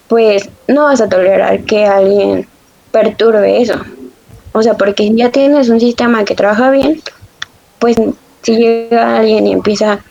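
A woman's voice: medium pitch, creaky, darkish tone. A young woman, chatting casually and telling stories with frequent laughs. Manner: chatty storyteller, laughs often, self-described sensitive. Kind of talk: casual chat. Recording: dull lo-fi audio.

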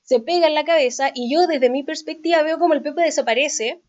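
A woman with a Chilean accent, hosting a podcast and telling a story in casual chat, animated, laughing often and acting out what people said. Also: sits high, brisk, highs cut off. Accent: Chilean Spanish. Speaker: podcast host.

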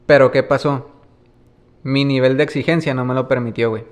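A man's voice: medium pitch, a little fast. Laid-back Mexican man, slangy chat. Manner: relaxed slangy talk, peppered with filler words. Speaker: interview guest, music producer. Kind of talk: casual interview chat.

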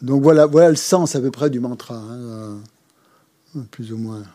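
Male Buddhist teacher, mellow voice, halting course delivery. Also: medium pitch. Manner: hesitant, frequent fillers and repeated words. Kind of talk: explaining a mantra in a course.

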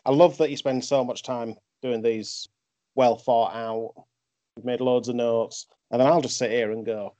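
A man's voice: mid-range voice, fairly even intonation, moderate pace, mellow, no room sound. A man hosting a podcast in a casual, conversational review style. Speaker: podcast host. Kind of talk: casual wrestling review chat. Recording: dull, dry lo-fi microphone.

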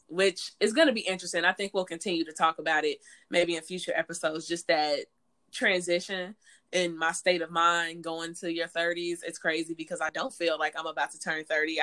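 A woman in her late twenties co-hosts a casual podcast chat. Her voice sits fairly low but comes across bright and forceful. She talks frankly and laughs often. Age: late 20s. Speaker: podcast co-host.

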